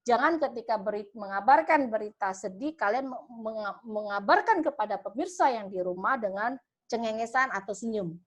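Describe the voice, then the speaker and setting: A woman news anchor with an Indonesian accent giving a public speaking lecture, animatedly demonstrating flat versus energetic delivery with mock news reports. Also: on the high side, moderate pace, lo-fi sound.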